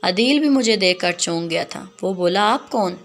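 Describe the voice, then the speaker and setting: A woman's voice: lowish voice, animated, fairly bright tone, soft background music. A woman narrating a dramatic story in the first person, in a plain, earnest way.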